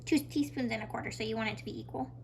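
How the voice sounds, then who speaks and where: A woman's voice: fairly high pitch, very fast. A young woman casually narrating a cooking tutorial in her home kitchen, chatty and talking through each step aloud. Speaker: cooking vlogger. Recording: noisy home recording.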